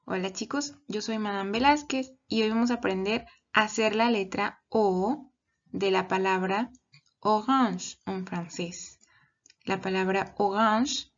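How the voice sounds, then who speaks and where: A woman teaching young children a lesson in two languages, recorded at her computer, giving slow, patient, step-by-step instructions. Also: medium pitch, lo-fi sound. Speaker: kindergarten teacher. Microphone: computer microphone.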